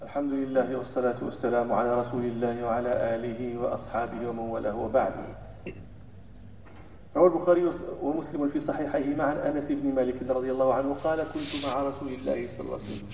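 A man with a Moroccan accent preaching a Friday sermon, moving between hushed solemn recitation and loud animated scolding. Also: mid-range voice, quick pace, a little hiss or hum. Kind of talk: Friday sermon in Moroccan Arabic mixed with classical Arabic. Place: mosque hall. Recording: echoey hall from far off, dull lo-fi sound.

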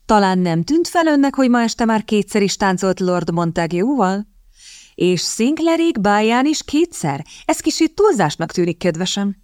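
A woman's voice: medium pitch, very animated, a little mellow, no echo, studio quality, lightly acted. A woman voicing a gossiping aristocratic older countess who speaks confidentially and sweetly meddles, in an audiobook. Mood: confiding. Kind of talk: audiobook character voice.

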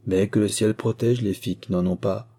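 A man reading an audiobook, voicing a scheming middle-aged mother who is the vicar's wife, eager and coaxing, with a dark, husky voice. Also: on the low side, steady tone, fairly quick. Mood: earnest.

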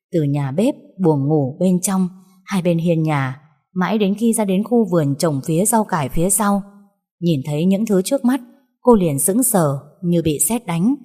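A woman narrating a dramatic story in a measured, somber way. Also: on the low side, mellow. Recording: long reverb.

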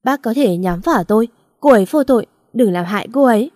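A protective young man speaks steadily and earnestly, as a woman storyteller voices him. The voice is warm and mellow, recorded dry and close. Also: on the high side, moderate pace, husky, dry recording.

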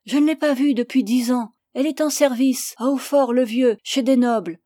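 A woman reader voicing a weary, naive sixteen-year-old peasant girl who talks in a high, loud, plaintive voice. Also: steady tone, moderate pace, no echo, studio quality, lightly acted. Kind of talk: audiobook character voice.

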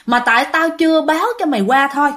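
A woman's voice: high voice, quick pace, a bit bright, pitched above the performer's own voice. A woman voicing a distraught, lamenting older mother.

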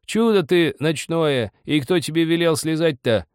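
A man voicing an old village woman who scolds and orders loudly. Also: on the high side, very animated, unhurried, no room sound, clean studio sound, voice pushed up. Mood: scolding. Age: older. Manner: loud, nagging, bossy.

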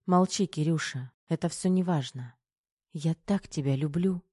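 Male narrator playing a devoted young woman in an audiobook: soft, pleading, with a dark tone. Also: fairly high pitch, normal speed, breathy edge, no room sound, studio quality, pitched above the performer's own voice. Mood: tearful tender.

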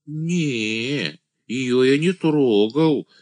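A man voicing a simple-minded village man who calls himself an angel, speaking in a naive, drawn-out singsong. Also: medium pitch, a little mellow, no room sound, voice pushed up. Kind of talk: audiobook character voice.

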